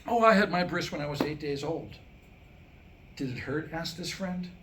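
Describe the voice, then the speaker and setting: This slightly high-voiced man in his sixties speaks at a normal speed while performing jokes and a comic monologue as a staged reading. He plays out the quoted lines with a wry touch, and the live room recording carries background noise.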